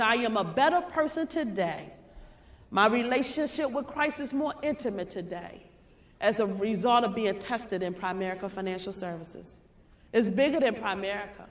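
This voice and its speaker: A woman from Maryland giving a fervent motivational stage speech, preachy and rising to shouts. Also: a little high. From Maryland, USA. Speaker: motivational speaker. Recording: hall reverb.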